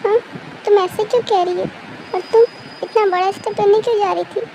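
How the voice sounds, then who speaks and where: A woman doing a gentle, protective young man. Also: extremely high pitch, brisk, slight background noise, poor audio. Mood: calming. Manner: calming, questioning.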